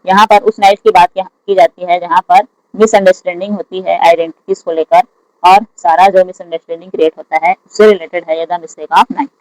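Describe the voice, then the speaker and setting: An exam prep teacher who reads each English question aloud slowly and then explains the answer in Hindi. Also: medium pitch, steady tone, dry recording, low-quality recording. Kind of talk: lecture solving exam questions.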